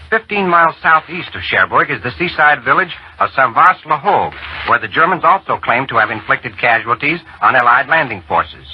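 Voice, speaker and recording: An American man giving a grave, formal 1940s war news broadcast with measured delivery on an old radio recording. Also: mid-range voice, dull audio, slight background noise. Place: radio studio.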